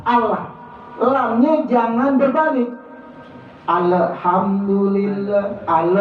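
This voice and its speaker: Male recitation teacher, high-pitched and unhurried, recorded from afar over a tinny line. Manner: corrective, demonstrates recitation, chuckles. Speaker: religious teacher. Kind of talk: Quran recitation lesson. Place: prayer room. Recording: roomy, distant, phone-like, faint hiss.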